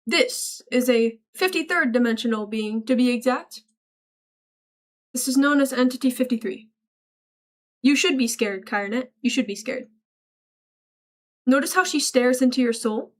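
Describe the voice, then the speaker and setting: A woman's voice: fairly high pitch, normal speed, pauses often. A young woman streaming, reading chat aloud and joking back in a playful, mock-serious way. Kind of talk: casual livestream chat.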